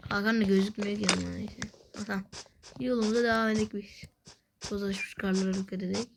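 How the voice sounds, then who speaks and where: A woman's voice: mid-range voice, steady tone, fast talker, gravelly, background noise. A woman giving casual, playful gameplay commentary to her viewers, dramatically complaining and laughing at the game. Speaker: gaming video creator. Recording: loud game music behind voice.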